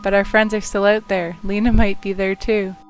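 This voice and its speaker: A man's voice: high voice, level tone, normal speed, creaky, faint music behind. A woman reading the lines of an anxious teenage schoolboy in a horror game, plain and earnest. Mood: worried.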